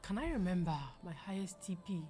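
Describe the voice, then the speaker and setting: This young adult woman from Ghana speaks in a fairly low, dark-toned voice that's expressive and brisk, carrying a Ghanaian accent. As host of a live trading stream, she answers viewers chattily and emphatically, often repeating phrases and laughing. Soft background music is audible.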